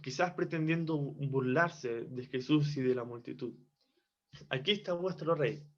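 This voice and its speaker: A man giving a devotional Bible teaching from Chile, reflective and repeating phrases for emphasis. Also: mid-range voice. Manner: slow, reflective, with restarts and emphatic repetition. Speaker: preacher. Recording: dull lo-fi recording.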